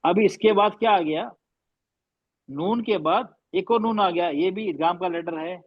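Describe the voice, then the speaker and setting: A man teaching a recitation class, patiently explaining and slowly drawing out and repeating recited words. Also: high voice, dry recording, lo-fi sound.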